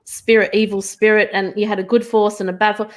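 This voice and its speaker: A woman chatting in a lively, opinionated way on a video call. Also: medium pitch, brisk. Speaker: guest.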